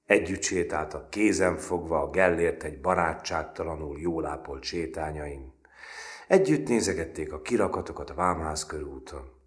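Very deep-voiced man reading a novel. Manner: measured reading that drops to a hushed, breathy trail at phrase ends. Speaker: narrator. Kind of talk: audiobook literary narration.

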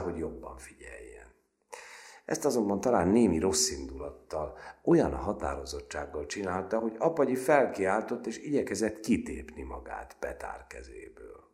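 Very deep-voiced male audiobook narrator. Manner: measured, expressive storytelling. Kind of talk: audiobook reading of a novel.

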